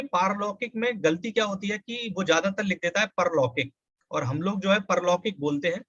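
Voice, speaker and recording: A man with a fairly high voice gives an exam-prep lesson, walking through each word patiently and pausing often to check that the point has landed. The sound is dry and close, a little dull and muffled. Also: a bit bright, no echo. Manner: explanatory, repeats key points with "ठीक है". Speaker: Hindi teacher.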